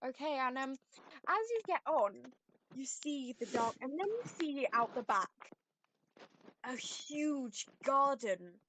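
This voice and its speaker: A woman narrating as game master of a tabletop game, relaxed, with many ums and pauses. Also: high voice, a little hiss or hum, rough recording.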